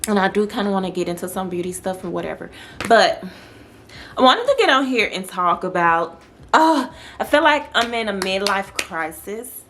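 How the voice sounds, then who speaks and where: A woman's voice: mid-range voice, very animated, moderate pace, a bit bright, slight background noise. A woman, talking casually to camera in a sit-down vlog, with plenty of fillers and restarts. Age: 30s. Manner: talkative, conversational, with frequent fillers and restarts. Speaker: vlogger. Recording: music playing in the background.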